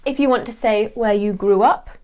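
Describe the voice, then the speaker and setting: A young woman from England teaches an online English lesson in a British English accent. Her mid-range, slightly mellow voice has a clear, deliberate delivery.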